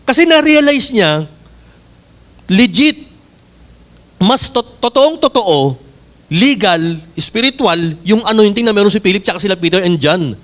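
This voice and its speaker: Filipino man preaching a lively sermon. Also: sits high, unhurried, long pauses. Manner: mixes Tagalog with English scripture quotes, lively storytelling.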